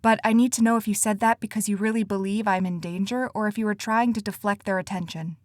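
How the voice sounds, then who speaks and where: A woman voicing a worried, gentle teenage girl who speaks softly and hesitantly, in an audiobook. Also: medium pitch, steady tone, quick pace, dry recording, studio quality, close to an everyday voice. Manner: soft, hesitant.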